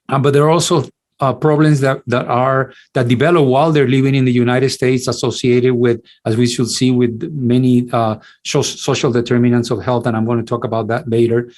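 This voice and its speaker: Middle-aged and mid-pitched, this Cuban lecturer speaks Spanish natively and teaches infectious disease online as a physician. His intonation barely moves, his tone is a little mellow, and he halts frequently with restarts and repeated words.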